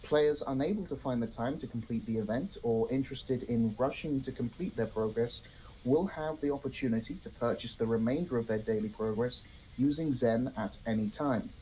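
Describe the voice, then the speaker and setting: A man co-hosting a podcast, reading news items in an even, matter-of-fact way and chatting casually. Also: medium pitch, normal speed, a little hiss or hum, poor audio. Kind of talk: read-aloud news segment and casual chat.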